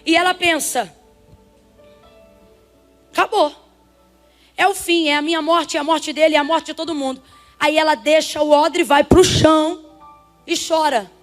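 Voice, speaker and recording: A Brazilian woman preaching a sermon to a congregation, emphatic and swinging from soft talk to shouts as she calls on the listeners. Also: sits high, fairly even intonation, unhurried, pauses often, soft background music. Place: church before a congregation.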